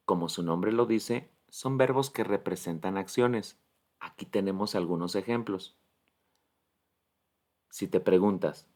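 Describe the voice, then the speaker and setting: Man, English teacher, low voice, very slow, deliberate explanations. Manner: slow, deliberate, spells out letters and models English words. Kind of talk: grammar lesson explanation.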